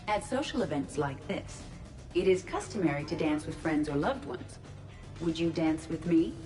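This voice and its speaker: A poised female artificial intelligence from a video game. Her formal, exact phrasing moves with a lively melody in a lowish register. She is polite with a dry, teasing edge, over clear music. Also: moderate pace. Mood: polite, dryly sly. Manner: formal, precise phrasing, deadpan.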